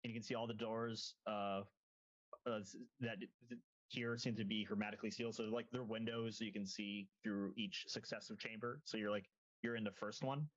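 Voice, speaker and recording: A man acting as game master, narrating scenes in a halting way with many ums and restarts. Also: on the low side, steady tone, highs cut off.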